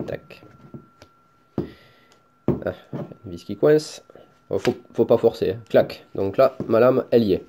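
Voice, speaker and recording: A man's voice: mid-range voice, animated, measured pace, long pauses, warm tone, a little hiss or hum. A man with a Toulouse accent casually showing and explaining a hobby item, hesitant with many fillers and restarts. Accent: Toulouse French. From France. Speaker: hobbyist showing his lightsaber. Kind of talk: casual show-and-tell.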